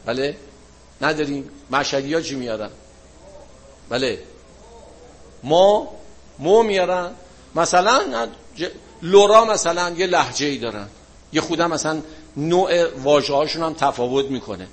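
A man teaching a religion class, answering students' questions in a relaxed, colloquial way and leaning on everyday examples. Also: fairly high pitch, long pauses. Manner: closes with a chanted-style supplication.

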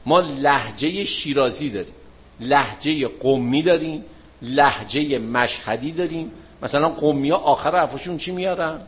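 A man teaching a religion class, answering students' questions in a relaxed, colloquial way and leaning on everyday examples. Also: a little high. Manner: closes with a chanted-style supplication.

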